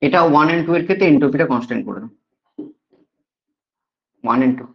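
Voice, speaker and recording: A male teacher with a Bengali accent lectures a class in a fast, expressive, gravelly mid-range voice. He repeats key points and often checks that students are following, and the recording sounds dull and lo-fi.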